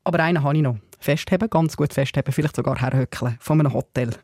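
A Swiss woman presenting a radio chat in a playful, teasing way, with a clear, close and dry sound. She leans into word jokes and keeps the conversation moving with easy humor. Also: low-pitched, fast, darkish tone, no echo. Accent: Swiss German. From Switzerland.

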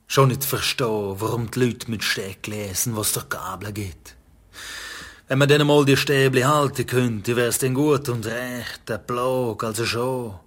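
A man with a Swiss German accent, performing spoken word in a wry, musing deadpan manner. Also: medium pitch.

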